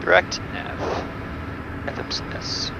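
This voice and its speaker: A man flying as pilot, giving terse, clipped checklist callouts over a cockpit headset intercom. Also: slow pace. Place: jet cockpit. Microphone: headset mic. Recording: muffled cockpit headset audio with engine noise. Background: engine and cockpit noise.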